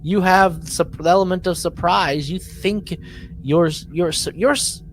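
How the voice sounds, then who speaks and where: A man whose voice sits high talks a little slowly as he co-hosts a casual podcast recap. It's an animated chat full of emphasis, repetition for effect and acted-out mock quotes.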